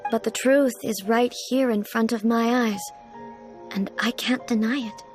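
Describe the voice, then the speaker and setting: A woman's voice: a little high, steady tone, measured pace, natural voice. A woman playing a dignified, reclusive ruler in a video game, speaking formally and pensively with earnest, naive puzzlement. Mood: solemn. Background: game music.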